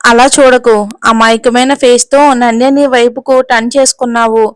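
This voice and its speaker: Furious young boss, shouting and bitter, in a flat, high read, from a woman narrator. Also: moderate pace, clean tone, dry recording, natural voice.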